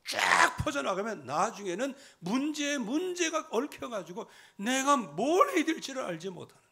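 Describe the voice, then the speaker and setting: Male pastor, middle-aged, bright edgy tone, very lively pitch, mid-sermon. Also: moderate pace, vocal fry, breathy edge. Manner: lively preaching, swinging from loud emphasis to quiet asides, mimics hymn singing. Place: church sanctuary.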